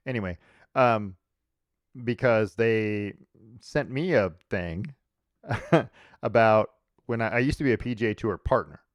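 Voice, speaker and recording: A man's voice: on the low side, a little slow, pauses often, no echo, clean studio sound. A man co-hosting a casual sports talk show, blunt and opinionated. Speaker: co-host.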